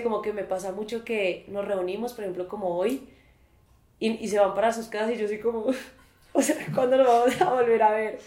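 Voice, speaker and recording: A young woman with a Colombian accent chats in a gushing, slangy valley-girl style. Her pitch sits in the middle range, and she tells stories casually in a very echoey room. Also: dark tone. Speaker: musician in a women's collective. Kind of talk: casual interview storytelling.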